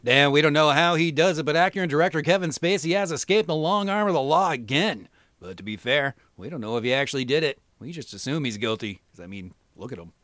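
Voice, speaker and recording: A man's voice: on the high side, a bit bright, no room sound, studio quality. A middle-aged man hosting a podcast, reading crude satirical news with a profane, mocking, sarcastic delivery. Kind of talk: crude comedic news parody.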